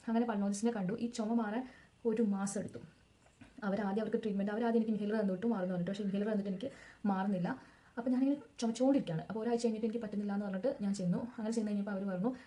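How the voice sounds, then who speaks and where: A woman's voice: medium pitch, dark tone. A young woman casually telling her own story as a vlogger, in a chatty, rambling way that backtracks to add details.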